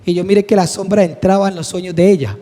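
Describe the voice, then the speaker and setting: A man's voice: high-pitched, fast talker, warm tone. A middle-aged man, teaching a church class earnestly and acting out the dialogue in his personal stories. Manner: earnest, acts out dialogue vividly. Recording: echoey hall with long reverb.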